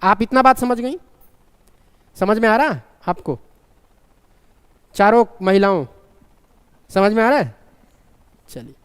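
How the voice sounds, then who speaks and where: Man teaching physics, high clear voice, keeps quizzing the class, big room with long echo. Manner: questioning, repeats key points. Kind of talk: live online physics class. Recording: long reverb from a large room.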